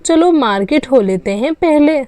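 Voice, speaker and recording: A woman's voice: high-pitched, lively intonation, normal speed, warm tone, no echo. A woman voicing a cheerful, chatty young housewife in a doll story.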